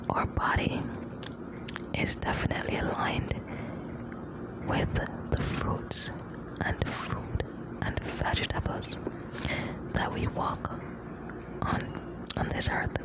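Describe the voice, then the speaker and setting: A woman from the Caribbean whispering ASMR right up close to the microphone, rambling gently in short, broken phrases. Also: slow, long pauses, poor audio. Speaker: ASMR host.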